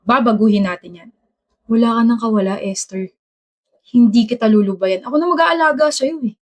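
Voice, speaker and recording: A woman's voice: on the high side, fairly quick, lightly acted. A woman voicing a caring, playful young man who dotes on his girlfriend, in a skit. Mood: determined. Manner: playful and affectionate, jokes corny. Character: caring, teasing young man, a doting boyfriend. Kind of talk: skit role-play acting.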